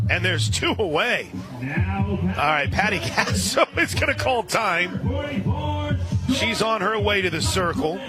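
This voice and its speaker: A man with a slightly high voice calls a softball game live on radio, relaxed and chatty, raising his voice on big plays. The recording quality is low.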